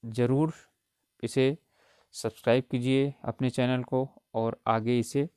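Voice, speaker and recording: Male tutor, exam-prep lecture, clear resonant tone, repeats points and checks in often. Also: mid-range voice, level tone, slow, mellow, no room sound, clean studio sound. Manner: explains patiently with frequent "ठीक है" check-ins; repeats key points for emphasis. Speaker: Hindi grammar teacher.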